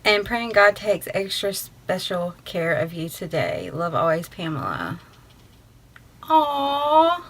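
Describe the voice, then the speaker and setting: Excitable lady doing an unboxing vlog, lots of ums and likes, tripod camera, faint hiss behind her. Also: fairly low pitch, a little slow, hardly any pauses, rough recording. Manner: gushing, excitable, many fillers. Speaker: beauty vlogger. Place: front porch, then indoors.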